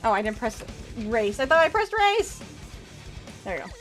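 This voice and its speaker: Soft game music sits under a young woman's live stream commentary as she chats with viewers at a moderate pace. Her high voice leaps around, she excitedly cheers when her racer moves ahead, and she notes that her voice is going.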